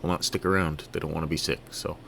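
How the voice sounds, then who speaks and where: Canadian man, very low gravelly voice, laid-back game commentary with lots of ums, faint hiss behind. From Toronto, Canada. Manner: relaxed, halting, many fillers and restarts. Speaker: gaming video creator. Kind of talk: casual let's-play commentary.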